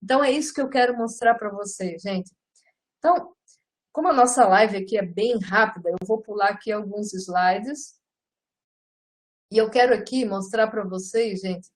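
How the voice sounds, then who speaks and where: A middle-aged woman gives a lively live lecture on public speaking. She often turns to her listeners and ends her phrases with tag questions. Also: mid-range voice, poor audio. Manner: lively and animated, often addresses listeners as "gente".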